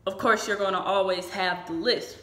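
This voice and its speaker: A woman's voice: medium pitch, steady tone, moderate pace, pushed and bright. A woman chatting informally and frankly, giving casual advice as a vlogger. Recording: echoey room.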